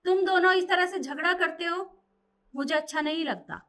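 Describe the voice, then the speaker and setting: A woman's voice: very high-pitched, normal speed, fairly bright tone, soft background music. A woman playing a stern mother who scolds her son and lectures him in defence of her daughter-in-law. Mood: calm. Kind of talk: short family drama acting.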